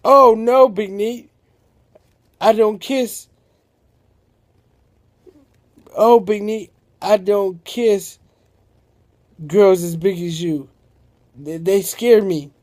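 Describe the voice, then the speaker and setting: A jittery shopkeeper in a told-aloud story, always nervous and wide-eyed, voiced by a man. His voice sits high and mellow, and his words come slowly. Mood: panicked. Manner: nervous, wondering. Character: timid male shopkeeper, easily frightened.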